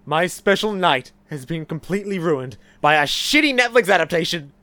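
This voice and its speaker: A man's voice: on the high side, lively intonation, normal speed, sharp tone. A man in comedic dialogue, sulky and defensive, who flares up now and then.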